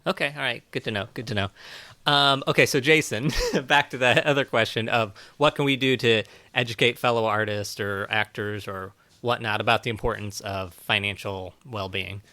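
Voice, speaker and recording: A man's voice: on the low side, steady tone, normal speed, sharp tone, no echo. A man hosting an interview, friendly and upbeat, asking follow-up questions. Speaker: interview host. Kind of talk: conversational interview.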